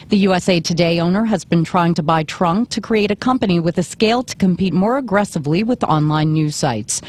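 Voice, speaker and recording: A woman's voice: on the low side, darkish tone. A woman delivering a scripted business news report for radio.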